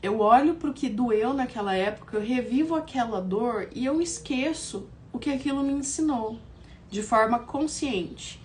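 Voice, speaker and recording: A middle-aged Brazilian woman with a hoarse, croaky voice from an inflamed throat, talking casually and reflectively as she teaches on a livestream. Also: on the high side, normal speed, darkish tone, a little hiss or hum. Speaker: host of a tarot challenge.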